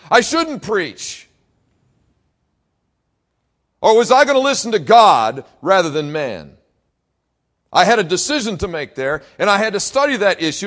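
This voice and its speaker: A man, a senior pastor, preaching a sermon with dramatic storytelling, dropping to a hush and rising to loud exclaims. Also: high voice.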